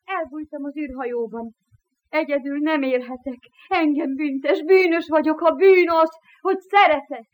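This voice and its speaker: A woman's voice: high voice, natural voice. A woman voicing a young girl disguised as a boy who pleads tenderly for the brother she loves, in a radio play. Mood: pleading.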